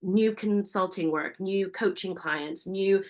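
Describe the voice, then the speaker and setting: A woman, a founder giving a fast, enthusiastic webinar presentation and asking her audience many questions. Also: medium pitch, darkish tone. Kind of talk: energetic business presentation.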